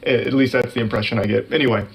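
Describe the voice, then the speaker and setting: A man's voice: medium pitch, fairly even intonation, rapid-fire, creaky, a little hiss or hum, rough recording. A man narrating a scripted commentary video in a wry, sardonic tone.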